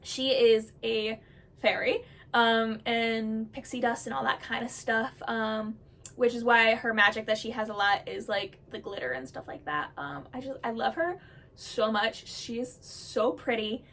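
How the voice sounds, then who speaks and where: A woman vlogger sits in front of her camera and rambles happily about her characters, gushing and rushing her words. Her voice sits a little high. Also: fairly bright tone. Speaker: storyteller vlogger. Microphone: camera mic, seated on camera.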